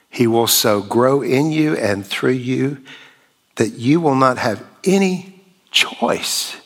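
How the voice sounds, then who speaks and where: A man preaching a sermon as pastor, measured and emphatic with long pauses. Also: mid-range voice, breathy edge.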